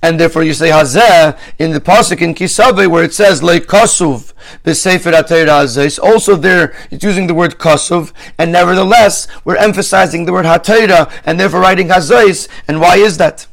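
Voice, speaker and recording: A man with a somewhat high voice teaches a Rashi commentary lesson. He sets out his questions one by one in a methodical way. His phrases often stop and restart as he thinks them through. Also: fairly quick, vocal fry, a bit bright. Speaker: Torah teacher.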